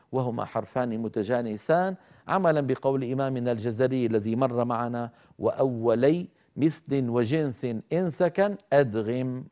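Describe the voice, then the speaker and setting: A middle-aged man teaching Quran recitation, explaining rules and slowly demonstrating each sound. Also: medium pitch, warm tone. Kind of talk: televised tajweed lesson with live callers.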